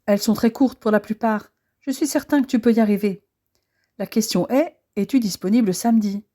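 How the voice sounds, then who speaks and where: A woman's voice: a little high, fairly quick, dark tone, close to an everyday voice. A woman voicing a friendly, eager young man who runs an amateur theatre troupe.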